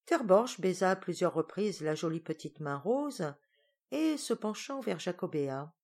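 A woman reading a story aloud as an audiobook, in expressive storytelling narration. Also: lowish voice, measured pace. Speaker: audiobook reader.

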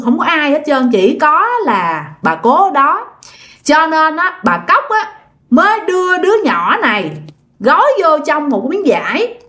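A woman's voice: high-pitched, fairly bright tone. A woman telling a ghost story in a chatty way, addressing listeners directly. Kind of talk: casual spoken ghost story.

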